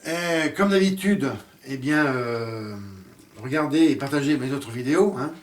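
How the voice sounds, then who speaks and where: A man's voice: medium pitch, unhurried, far from the mic. A man giving a casual spoken series review, hesitant and full of fillers and restarts.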